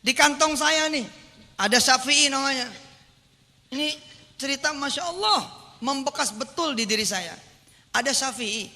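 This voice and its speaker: A male preacher with a high, very bright, sharp voice delivers a storytelling sermon. He acts out each side of the exchanges himself and turns to quiz the listeners. His voice rings with a long reverb, as in a large hall. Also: measured pace, pauses often. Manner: acts out both sides of remembered dialogues, asks the audience questions. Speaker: Islamic preacher.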